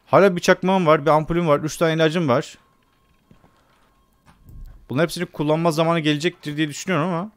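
A man's voice: fairly high pitch, steady tone, quick pace, long pauses, no echo, soft background music. Man, horror game commentary, mutters to himself, repeats words, dry close sound. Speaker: gamer playing a horror game. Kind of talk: casual let's play commentary.

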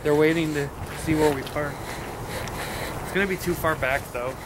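A young woman with a low voice jokes and teases sarcastically from the passenger seat. Heavy road noise from the car fills the camera recording. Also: steady tone, normal speed. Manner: teasing, sarcastic. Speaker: friend of the vlogger. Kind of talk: casual banter. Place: car at night.

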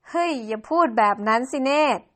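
Brief: a gentle, reassuring young boyfriend in a game drama, as a woman voices him, still fairly high. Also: a little fast, close to an everyday voice. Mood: soothing. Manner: soothing, reassuring.

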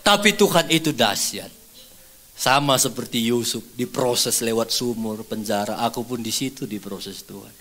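A male pastor, preaching through a story, swinging between loud and hushed. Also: mid-range voice, normal speed. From North Sumatra, Indonesia. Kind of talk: sermon.

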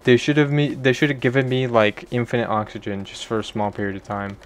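A man's voice: medium pitch, level tone, fast. A young man giving casual, rambling gameplay commentary, self-deprecating and swearing offhandedly. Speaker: gaming video creator.

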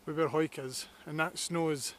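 A man's voice: on the high side, steady tone, moderate pace, a bit bright. Scottish man vlogging on a hilltop. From Scotland. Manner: enthusiastic, reflective, talks to camera while walking. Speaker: landscape photographer vlogger. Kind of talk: outdoor walking vlog. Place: hillside outdoors in snowy weather.

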